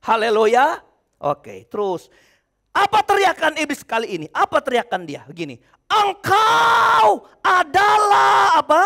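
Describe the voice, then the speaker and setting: A male pastor preaching a sermon. He asks his congregation questions, answers them himself, and breaks into shouts between quiet asides. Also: extremely high pitch, huge pitch swings, normal speed.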